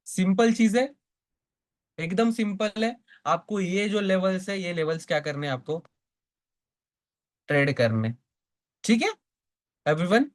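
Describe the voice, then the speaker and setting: A man's voice: high voice, lively intonation, unhurried, long pauses. A man teaching a live online stock trading class. He keeps asking the class questions, answers them himself, and checks in often to make sure they follow.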